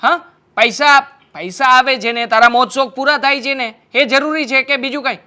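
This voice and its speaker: A man's voice: extremely high pitch, normal speed, pushed and bright, heavily acted. A young husband in a family drama film, easygoing and dismissive. He answers in a defensive, coaxing manner, brushing aside his wife's worries. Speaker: actor as the husband. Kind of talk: Gujarati short film acting.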